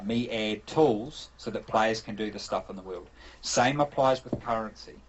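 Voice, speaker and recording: Slight background noise and lo-fi sound accompany a fairly low-pitched male voice with a New Zealand accent. The game developer responds to questions in a relaxed online interview, musing at length with many fillers and false starts.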